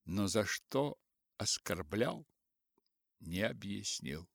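A man reading a literary audiobook in a measured, expressive way. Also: lowish voice, creaky, slightly rough, no echo, studio quality. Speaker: audiobook narrator.

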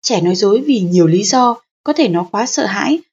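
A woman narrating a parenting audiobook in a calm, steady, explanatory manner. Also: mid-range voice, brisk, slightly rough, lo-fi sound.

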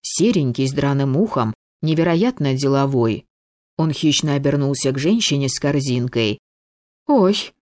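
A woman narrating a first-person fantasy audiobook in a lively, wry storytelling manner. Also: rumbling low, normal speed, no room sound, studio quality.

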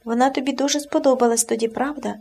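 A woman's voice: sits high, steady tone, quick pace, vocal fry, husky, full character voice. A woman voicing a wealthy, hot-tempered young lady who snaps scornfully, in a storybook reading. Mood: coaxing. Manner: sharp, scornful outbursts.

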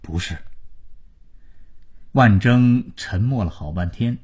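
A man narrating an audiobook in a measured, expressive way. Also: medium pitch, slightly rough. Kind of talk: storytelling audiobook reading.

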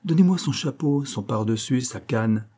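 A man reading an audiobook, voicing a blustering, hearty army captain who talks loudly and swears. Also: mid-range voice, animated, normal speed, slightly rough. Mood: jovial. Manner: loud, swearing, impatient.

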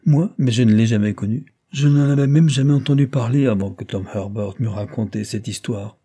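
A man's voice: medium pitch, fairly quick, warm tone, breathy edge, lightly acted. A smug, evasive army captain, as a male narrator voices him. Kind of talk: audiobook character voice.

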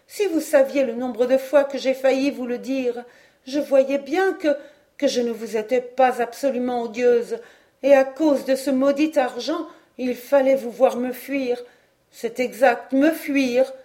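A woman reading an audiobook, voicing a lively, teasing young woman with a playful, laughing manner. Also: high voice, pitched above the performer's own voice.

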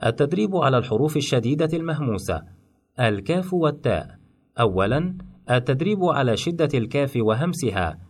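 A man narrating a scripted pronunciation lesson in a measured, explanatory way, demonstrating sounds. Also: medium pitch, sing-song, husky. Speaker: phonetics teacher.

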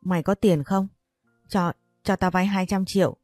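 A frightened young woman deep in debt pleads anxiously for help, voiced by a woman narrator. Her voice is low and mellow, recorded close and dry. Faint music runs underneath. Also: steady tone, normal speed, no echo, natural voice. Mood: pleading.

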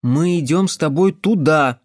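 A man voicing a cautious young woman who talks gently and coaxingly but turns firm when she has to. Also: a little high, measured pace, no echo, studio quality, close to an everyday voice. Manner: soft, coaxing, sometimes sharp commands.

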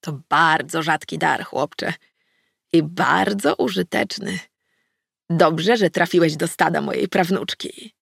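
A woman reading an audiobook, voicing an ancient, scarred and mischievous she-wolf goddess who talks in a slow, drawn-out, teasing way. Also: low voice, vocal fry, fairly bright tone, slightly rough, no echo, studio quality, heavily acted. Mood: sly. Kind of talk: audiobook character voice.

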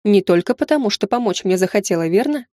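A woman reading an audiobook voices a curious noble lady who speaks in a smooth, condescending, softly amused way. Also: medium pitch, lively intonation, quick pace, dry recording, studio quality, lightly acted. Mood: patronizing.

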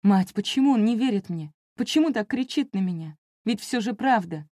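A woman's voice: mid-range voice, normal speed, mellow, husky, dry recording, studio quality, pitched above the performer's own voice, natural voice. A woman voicing a desperate teenage girl who pleads in a raised, tearful voice. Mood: desperate pleading.

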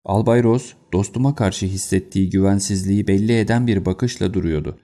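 Male audiobook narrator, low, gravelly, steady delivery. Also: brisk.

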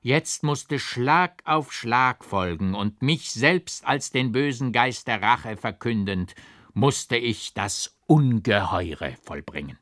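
A man's voice: medium pitch, animated, takes it slowly, fairly bright tone, dry recording, clean studio sound. A man narrating an audiobook of a classic novel with an emphatic, rhythmic, dramatic delivery.

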